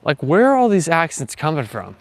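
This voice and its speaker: Out walking for his live morning stream, a man chats and rambles, leaning heavily on fillers as he reads chat messages aloud and replies. His highish voice swoops wildly in pitch, and he talks a little fast.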